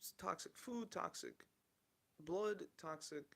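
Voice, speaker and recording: 30s guy podcasting solo, rambly and candid, cusses a bit, super gravelly fry, slightly high voice. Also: takes it slowly, fairly bright tone. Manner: rambling, candid, swears casually. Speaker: podcast host. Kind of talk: casual solo podcast commentary.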